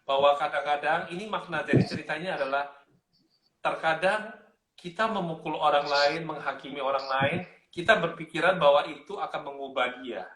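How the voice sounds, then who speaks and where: A man telling a personal story in a casual interview, lively, acting out other people's voices as he goes. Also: on the high side, moderate pace, slight background noise, rough recording. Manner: animated, acts out the voices of his parents. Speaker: interview guest sharing life story.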